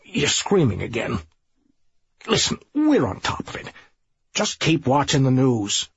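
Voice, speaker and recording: A man's voice: mid-range voice, wildly swooping pitch, slightly rough, no room sound, dull audio, exaggerated voice. A man voicing a scheming, bossy middle-aged police sergeant who waves off every worry. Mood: impatient. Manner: brisk, bossy, dismissive.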